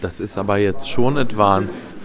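A man's voice: on the low side, measured pace. A man talking casually in a discussion. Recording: crowd chatter behind.

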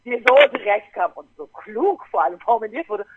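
A woman in her fifties, an interview guest, telling a story in a lively way and acting out her relatives' voices over a phone line. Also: medium pitch, a little fast, slightly rough, no echo. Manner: animated, acts out family members' voices. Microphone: telephone. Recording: tinny dry phone line.

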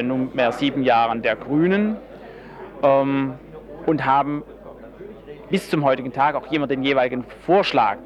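A man answers interview questions as a politician, explaining things in formal, measured, carefully worded language. His voice is medium-pitched, and the highs are cut off.

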